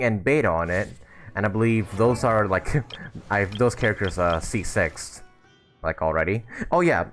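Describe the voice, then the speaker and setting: Game music fills the background as a man hosts a relaxed gaming livestream. His voice is lowish and fairly bright, and he meanders through his thoughts aloud while talking to viewers.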